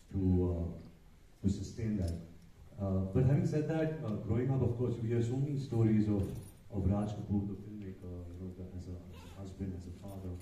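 A man's voice: fairly low pitch, warm tone, slight background noise. A man in his thirties, a panel guest on stage with a handheld mic, speaking earnestly with many fillers and restarts. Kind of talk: live stage conversation. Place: large auditorium stage. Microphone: handheld mic, recorded from the audience. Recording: echoey hall, from far off.

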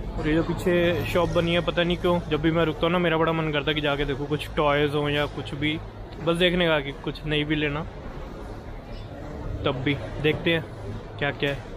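A man in his thirties, a travel vlogger, talking to a handheld camera in a chatty, upbeat, easygoing way. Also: on the high side. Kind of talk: casual travel vlog talk to camera. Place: roadside, car interior and lakeside outdoors. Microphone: handheld camera at arm's length. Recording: road and traffic noise behind.

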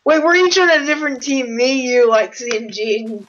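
A woman's voice: high-pitched, lively intonation, moderate pace, a bit bright. A woman talking casually with a friend as she plays a game. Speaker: gamer. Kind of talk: casual gaming chat during play. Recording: dull lo-fi voice chat.

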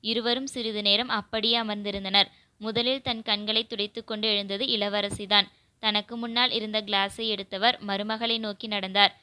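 A woman narrating a romance novel in a steady, even reading. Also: medium pitch, normal speed, clean tone, no room sound. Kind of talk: scripted narration.

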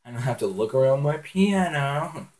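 With a mid-range, slightly mellow voice, a teenage boy gives unhurried yet animated game commentary from his bedroom, recorded on a phone on a stand. He hosts a gaming channel and tends to ramble and giggle, dropping many ums.

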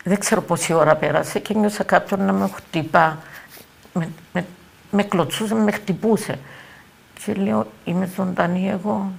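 Gravelly older Cypriot Greek woman. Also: mid-range voice. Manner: halting, repeats words and phrases. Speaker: eyewitness interviewee. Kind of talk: emotional eyewitness testimony.

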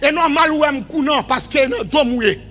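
High voiced preacher guy hollering a revival sermon, bright tense tone, music under it. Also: moderate pace. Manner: shouted, sing-song preaching that drops to quiet asides.

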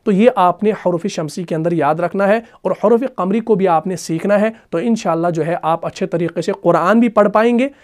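A man with a fairly high voice gives a grammar lesson on reading the Quran. He chants example words slowly and drawn out, then explains them. He keeps pausing to check that his students follow. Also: darkish tone. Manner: slow drawn-out recitation of example words, frequent "theek hai na" check-ins. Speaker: Quran teacher.

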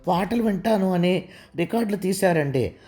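A woman's voice: fairly low pitch, expressive, moderate pace, dark tone, natural voice. A woman voicing a timid young housemaid. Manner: timid, deferential.

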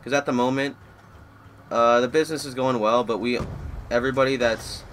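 A young man in his twenties talks casually over a shooter match, drifting between personal chat and reacting to the game. His voice sits at an everyday middle pitch, with faint game noise underneath. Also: fairly even intonation, brisk, a bit bright. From Florida, USA. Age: 20s. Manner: rambling, easily distracted by the match. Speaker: gaming YouTuber. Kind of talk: live gameplay commentary.

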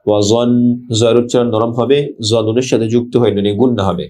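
Man, bangladeshi accent, tajweed teacher, slow drawn recitation, brisk explanations, medium pitch. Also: fairly even intonation, a little mellow. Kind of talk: tajweed lesson, word-by-word explanation.

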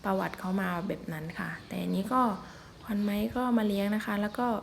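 With a medium-pitched, gravelly voice that runs a little fast, a woman narrates a forest vlog as she films elephants. Her talk is chatty and polite, full of soft particles, against slight background noise.

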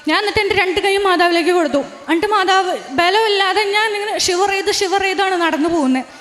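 A young woman with a very high, light voice tells her religious testimony, earnest and halting, often breaking off and restarting. Her voice rings with a long reverb, as if she is speaking in a large, echoing room. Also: a bit bright. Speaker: testifying believer.

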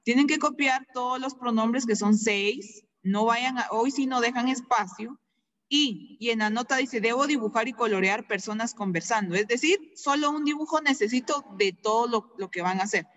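Woman teacher drilling words slowly. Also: a little high, fairly bright tone, in a large hall, rough recording. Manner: slow, repeats each word for pupils. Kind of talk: online class teaching.

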